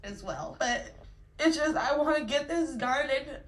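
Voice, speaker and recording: A woman's voice: high voice, measured pace. A woman pleading emotionally and tearfully before a judge in a courtroom recording played from a court show. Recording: echoey courtroom, voice from off-mic.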